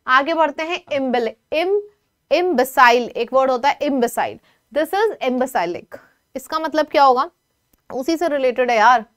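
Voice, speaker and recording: A woman teaching an online vocabulary lesson in a lively, coaxing way, often asking her students questions. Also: high voice, a little slow, clear, resonant tone.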